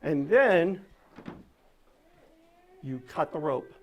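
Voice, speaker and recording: Slow-paced woman magician performing for kids. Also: deep voice, expressive, highs cut off. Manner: instructive, coaxing audience participation, with frequent check-in questions. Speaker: stage magician performing for children. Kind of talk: live magic show patter, talking to the audience.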